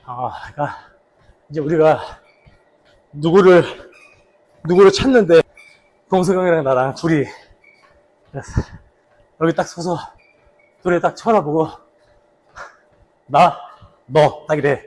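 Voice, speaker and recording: Guy doing a casual vlog while jogging, kinda high voice w some husk, telling old stories. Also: darkish tone. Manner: talking while slow running. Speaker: actor, vlog host. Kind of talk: casual vlog reminiscing about a past drama role.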